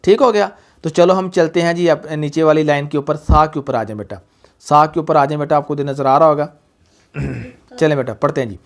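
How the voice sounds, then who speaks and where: A man's voice: a little high, normal speed. A man teaching Quran recitation, patiently calling the student "son" and stretching out each syllable in repeat-after-me drills. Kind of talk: tajweed lesson with call-and-repeat drills.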